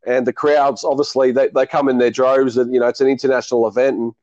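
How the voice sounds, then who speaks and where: A man's voice: mid-range voice, flat delivery, fast, darkish tone. Australian man, chatty host, lo-fi. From Melbourne, Australia. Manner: chatty, rambling with restarts. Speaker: host and tennis fan commentator. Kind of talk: casual chat with match commentary.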